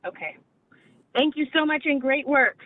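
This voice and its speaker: A woman board director calling in over the phone, asking quick, polite questions during a public meeting. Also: high voice, animated, a little hiss or hum. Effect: speaking over the phone. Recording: tinny dry phone line.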